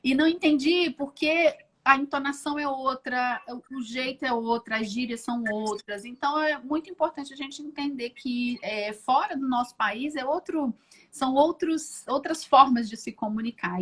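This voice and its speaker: A woman's voice: on the high side, normal speed. A Brazilian woman with a Brazilian accent, guest on a live video call, chatting and telling stories with many restarts. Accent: Brazilian Portuguese. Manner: chatty, many restarts and fillers, lively storytelling. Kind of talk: casual interview chat.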